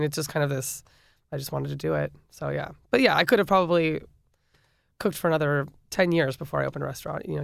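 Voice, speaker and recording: A woman's voice: deep voice, vocal fry, no echo, clean studio sound. A woman in her thirties from the American Midwest, a chef being interviewed, talking casually with lots of fillers and laughter. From Midwestern United States. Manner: chatty, frequent fillers and laughs. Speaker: chef and restaurant owner, guest.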